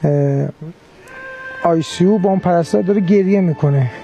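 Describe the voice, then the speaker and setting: A man recounting a near-death experience in an interview, hesitant and pausing often. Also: high voice, creaky, warm tone, faint music behind. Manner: hesitant, with frequent pauses. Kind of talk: recounting a personal story.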